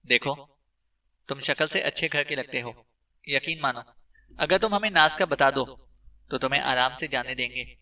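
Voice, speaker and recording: A sly kidnapper, smooth and persuasive, with a threat under the sweet talk, as a male narrator puts him on. The voice is very bright and set back from the mic in a storybook reading. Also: mid-range voice, normal speed, far from the mic. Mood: coaxing.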